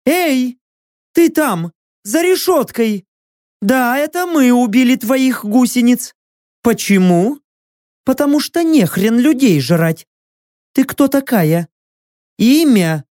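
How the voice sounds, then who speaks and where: A woman doing a fed-up shouting woman fighter. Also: a little high, animated, takes it slowly, pauses often, no echo, clean studio sound, pitched above the performer's own voice. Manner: yelling bluntly.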